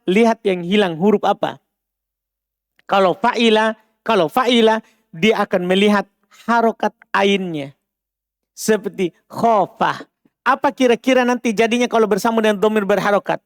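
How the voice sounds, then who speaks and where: High-voiced Makassar Indonesian male teacher. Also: a bit bright, clean tone, dry recording, clean studio sound. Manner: quizzes listeners often, repeats phrases. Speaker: Arabic grammar teacher. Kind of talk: classroom lecture.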